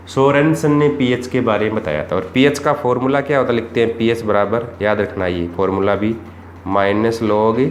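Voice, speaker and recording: A man teaching chemistry for exams, asking rhetorical questions and repeating the key points. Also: fairly low pitch. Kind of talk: exam-prep lesson. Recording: echoey room with faint background noise.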